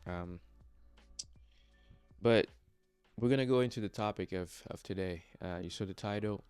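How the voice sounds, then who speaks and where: A young vlogger from the Democratic Republic of the Congo, who isn't a native English speaker, shares a motivational personal vlog, earnest and hesitant with many fillers and restarts. His lowish, darkish voice is smooth at a moderate pace, with no echo and soft background music.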